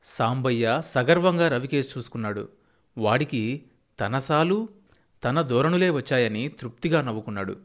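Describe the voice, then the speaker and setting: A man narrating a novel as an audiobook in a steady, expressive storytelling manner. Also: medium pitch, moderate pace. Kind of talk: reading a novel aloud.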